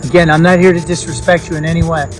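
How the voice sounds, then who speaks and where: A man hosting a paranormal vlog, speaking in a hushed, coaxing way as he addresses spirits in a cemetery at night. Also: on the high side, little pitch movement, racing, over music, low-quality recording. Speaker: paranormal investigator host. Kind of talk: casual vlog narration.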